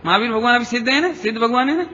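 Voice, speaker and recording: A man giving a devotional lecture, chanting scripture verses slowly and explaining them with questions put to the listeners. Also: extremely high pitch, bright, forceful tone. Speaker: Jain preacher. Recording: dull lo-fi recording in a reverberant hall.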